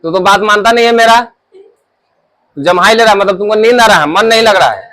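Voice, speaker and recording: A man's voice: high-pitched, a little fast, bright, forceful tone. A man teaching math to a classroom in a Bihari Hindi accent, quizzing pupils and scolding them. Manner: scolding, drills pupils with call-and-response questions.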